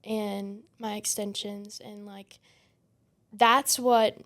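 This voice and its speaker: A woman's voice: medium pitch, little pitch movement, very slow, fairly bright tone. A woman, chatting as a podcast guest in a bubbly, giggly way with lots of fillers. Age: 20s. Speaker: guest, spray tan business owner. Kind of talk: casual interview chat.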